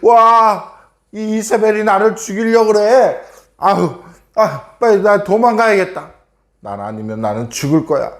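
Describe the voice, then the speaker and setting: Storybook role: a man playing a terrified prophet man on the run, higher than his own voice, panicked and breathless, swinging up and down. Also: expressive, brisk, few pauses, reverberant. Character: frightened prophet man fleeing for his life.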